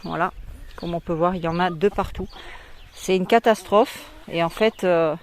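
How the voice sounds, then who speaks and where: A woman's voice: lowish voice, moderate pace, slight background noise. French lady filming on her phone outside, chatty, lots of euhs, hens clucking faintly behind. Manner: chatty, explanatory, with many fillers. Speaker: poultry breeder. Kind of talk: casual walk-through video. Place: outdoor poultry yard. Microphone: handheld phone.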